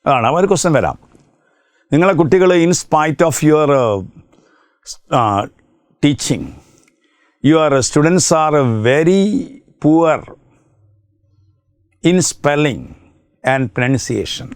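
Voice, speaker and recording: Malayali guy teaching exam prep, slowish dictation, lively up-down pitch, dry close sound. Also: no echo. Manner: switches between slow dictated English points and rapid explanation; poses questions and answers them himself.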